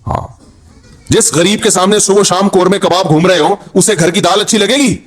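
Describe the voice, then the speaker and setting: Male preacher, high-pitched, scolding sermon delivery. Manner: scolding, rhetorical questions to the audience. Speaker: Islamic preacher.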